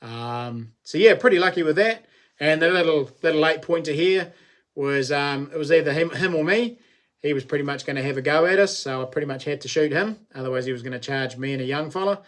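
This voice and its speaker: A man in his late forties speaks in a fairly high-set voice with a broad Kiwi accent. He hosts a casual livestream, talking to viewers in a relaxed, slangy, blokey manner. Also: brisk. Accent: broad New Zealand. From New Zealand. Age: late 40s. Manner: laid-back, blokey, slangy. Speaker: live stream host. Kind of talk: casual livestream chat, reading and answering comments.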